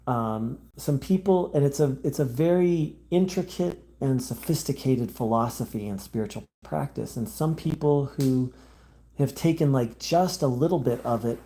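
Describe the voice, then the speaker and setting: A man talks live into his phone as the host of a spiritual channel, stopping to read and answer viewer comments. His voice is dark and gravelly, with a mellow tone. He meanders through thoughts in a halting way, full of fillers and restarts, and stays gentle and conciliatory toward his viewers. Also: mid-range voice. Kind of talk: live-stream talk, reading viewer comments.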